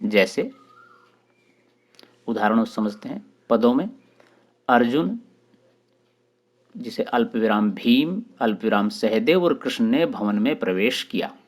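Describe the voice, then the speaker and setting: Man teaching Hindi grammar, measured. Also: mid-range voice, animated. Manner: explanatory, lists terms one by one with short pauses. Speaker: teacher and channel host. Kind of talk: grammar lesson for exam preparation.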